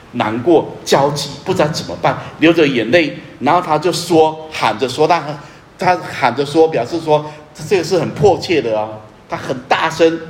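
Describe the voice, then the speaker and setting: A man preaching a sermon as pastor, earnest and emphatic, repeating key phrases and often dropping to a soft, low voice. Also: reverberant.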